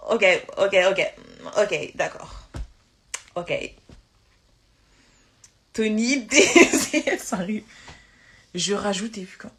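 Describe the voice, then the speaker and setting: A woman on a live stream, ranting in a heated casual way, talking fast with slang and many restarts, irritated. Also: medium pitch.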